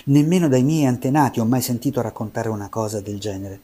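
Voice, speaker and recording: A man's voice: medium pitch, fast, dark tone, close to an everyday voice. A man voicing a curious, commanding king in a folk tale. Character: village king, older man, curious and grand.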